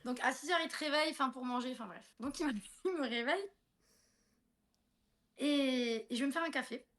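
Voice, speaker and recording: A woman's voice: high-pitched, fairly quick, fairly bright tone. A woman in her thirties, a guest telling a personal story in a casual livestream chat, full of fillers and restarts, often speaking directly to her listener.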